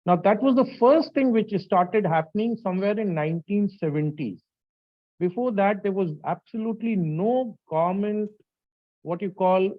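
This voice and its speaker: A man's voice: high-pitched, phone-quality sound. A man with a North Indian accent giving an explanatory lecture, speaking insistently and repeating his phrases. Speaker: lecturer, registered valuer. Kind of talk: explanatory lecture with audience questions.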